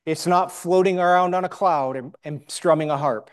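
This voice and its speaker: A man with a fairly high voice preaches a sermon in short, emphatic phrases, pausing for a live interpreter and posing rhetorical questions.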